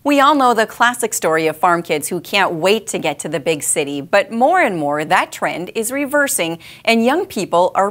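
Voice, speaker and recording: A woman's voice: fairly low pitch, a bit bright. A middle-aged woman anchoring a TV news show from a studio, introducing a story.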